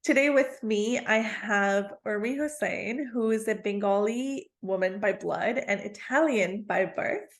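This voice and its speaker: A woman's voice: medium pitch, measured pace, few pauses. Upbeat woman hosting a podcast. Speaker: podcast host. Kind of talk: casual interview conversation.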